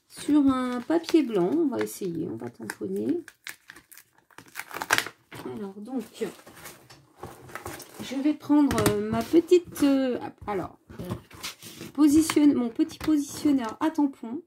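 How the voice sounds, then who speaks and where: A woman talks viewers through a craft project as she works, in an unhurried, halting way, often pausing on filler sounds. Her voice is a little high but mellow and dark in tone, with some vocal fry. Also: a little hiss or hum. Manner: hesitant, full of filler sounds and restarts; talks to viewers while working with her hands. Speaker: crafting tutorial host. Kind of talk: casual thinking-aloud craft tutorial.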